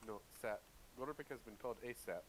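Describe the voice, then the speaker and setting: A man's voice: mid-range voice, brisk, natural voice. A man playing a simple, earnest, literal-minded sword wielder in a tabletop role-play. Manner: speaks of himself in third person, plain and literal. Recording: hissy, noisy home microphone.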